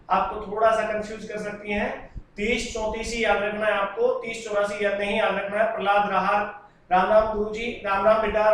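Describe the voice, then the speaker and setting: A man's voice: high-pitched, fairly bright tone, distant mic, a little hiss or hum. A man teaching a live online class, answering students' comments in a chatty, fatherly way. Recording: very echoey room, voice from away from the mic.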